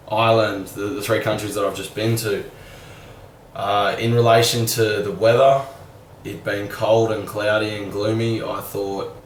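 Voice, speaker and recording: A young man, musing casually and candidly in a rambling vlog monologue full of "like". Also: fairly low pitch. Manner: rambling, candid, fillers like "like", mild swearing. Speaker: vlogger. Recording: roomy sound, a bit far from the mic, faint background hum.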